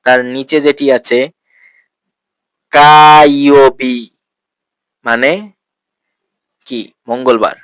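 A male teacher explains patiently and says key words slowly and more than once, asking his listeners questions as he goes. His voice is smooth and clear, mid-pitched, and recorded close and dry. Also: steady tone, a bit bright, no echo. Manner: patient, repeats terms slowly and asks rhetorical questions. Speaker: language teacher. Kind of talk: explanatory language lesson.

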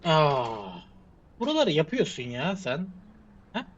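A man's voice: a little high, sing-song, slow. Exasperated man muttering over a game. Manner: exasperated, muttering to himself, swearing and sighing prayers. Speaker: gamer. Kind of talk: frustrated gameplay commentary. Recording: slightly muffled with faint hiss.

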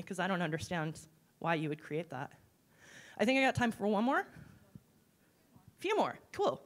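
A middle-aged woman speaking blunt and wry into a handheld mic on stage in a large hall, answering audience questions after a keynote. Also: fairly high pitch. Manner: blunt, wry, animated, gestures while talking. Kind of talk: keynote Q&A, candid and conversational. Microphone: handheld microphone.

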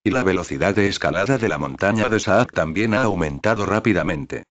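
A man reading a novel recap as scripted narration, in an even, flat manner. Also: low-pitched, a little fast, no room sound.

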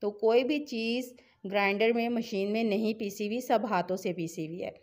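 A middle-aged woman with a Pakistani Urdu accent hosts a cooking channel, narrating a home recipe in a chatty, encouraging, instructive voice-over. Her voice is mid-range and darkish, and she speaks at a normal speed.

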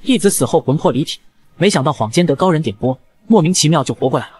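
A man voicing a cowardly, scheming young male disciple who whines and fawns, in a fast manga recap narration. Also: a little high, lively intonation, a little mellow, slightly rough. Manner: whiny, fawning.

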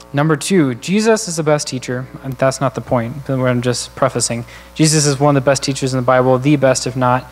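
In a church with long hall reverb, a medium-pitched man preaches a sermon earnestly and conversationally, working through numbered points.

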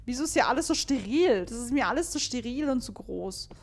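A woman's voice: a little high, lively intonation, a little fast. A young woman chatting and joking to her viewers as she plays a horror game. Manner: chatty, joking, talks to viewers while playing. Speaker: let's play host. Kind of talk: casual gameplay commentary.

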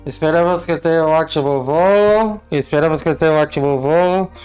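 A man's voice: a little high, moderate pace, a little mellow, clear, resonant tone, faint music behind, lightly acted. A man playing a male airline captain making a mock-formal cabin announcement, as a game streamer.

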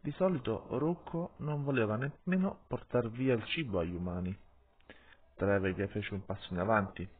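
Man, audiobook narrator, low husky voice, lively pitch, tinny phone-like audio. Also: normal speed. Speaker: audiobook reader.

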